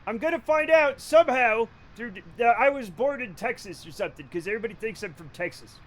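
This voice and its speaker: A livestreamer from Rhode Island chats casually while gaming on a live stream, rambling, joking, cursing freely and laughing a lot. His voice is extremely high-pitched and animated, and he talks a little fast.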